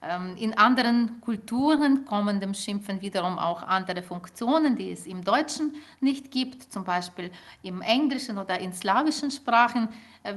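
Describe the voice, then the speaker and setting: Here a middle-aged woman, Ukrainian by native tongue, is interviewed in her role as a linguist. She talks in a mid-range voice, explaining carefully and filling pauses frequently.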